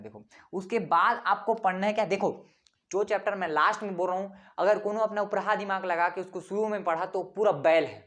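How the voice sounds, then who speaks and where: A young man, a tutor laying out an exam study plan in a casual lesson. He talks bluntly and teasingly, asking rhetorical questions and repeating the answers. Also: high-pitched.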